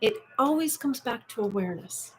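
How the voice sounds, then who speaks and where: A woman teaching in a room, speaking in an unhurried, contemplative way and guiding the listener through breaths. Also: on the high side, animated, slight background noise, low-quality recording. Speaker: meditation and Taoism teacher. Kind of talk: reflective spoken teaching. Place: indoor room.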